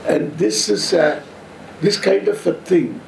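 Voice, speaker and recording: A man in his seventies with a South Indian accent, giving an informal spiritual discourse in halting, deliberate phrases with playful humour. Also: high voice, vocal fry. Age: 70s. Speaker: spiritual teacher, swami. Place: seated on stage before an audience, indoors. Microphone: stand microphone close in front. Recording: roomy echo, audible background noise.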